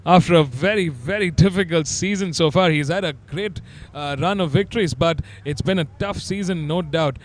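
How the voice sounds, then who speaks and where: Indian male race commentator, slightly high voice. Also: normal speed. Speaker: motorsport commentator. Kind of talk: live race broadcast commentary.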